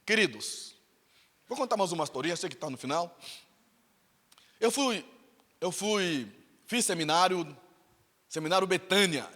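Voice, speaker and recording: In a reverberant church sanctuary, a Brazilian pastor with a Brazilian Portuguese accent preaches a sermon, telling a story with emphatic, repetitive phrasing. His voice is on the high side and a bit bright.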